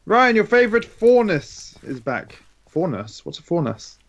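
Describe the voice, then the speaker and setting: A man's voice: high voice, big pitch swings, measured pace, lo-fi sound. A man streaming casual banter, teasing and joking.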